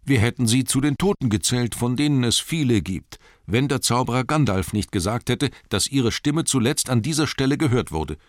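A man voicing a brisk, kind grown male searcher, speaking in a raised, urgent way. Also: medium pitch, animated, dry recording, studio quality, voice pushed up, close to an everyday voice.

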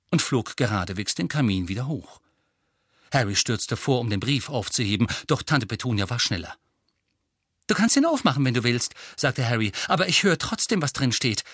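Male audiobook narrator, dramatic and expressive, dry close sound. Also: mid-range voice, no room sound. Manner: vivid, dramatic reading. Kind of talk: scripted narration.

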